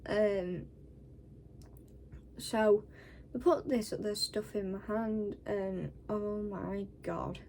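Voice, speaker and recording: A woman's voice: medium pitch, steady tone, drawn-out words, pauses often, warm tone. A woman with a Northern English accent chatting casually and bluntly, worn out and scratchy-throated after having a wisdom tooth out. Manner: sweary, blunt. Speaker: vlogger. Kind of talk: casual personal storytelling to camera.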